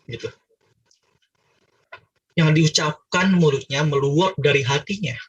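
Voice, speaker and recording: A man's voice: fairly high pitch, slow, slightly rough, far from the mic, dull audio. A man from Manado leading a casual Bible discussion for a cell group, chatty and teasing with many fillers.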